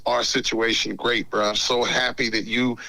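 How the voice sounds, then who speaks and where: A man's voice: medium pitch, little pitch movement, moderate pace, gravelly, bright, forceful tone, no room sound. A man on a phone call played through a speaker into the studio, talking casually and calling people bro and man. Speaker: phone-in guest.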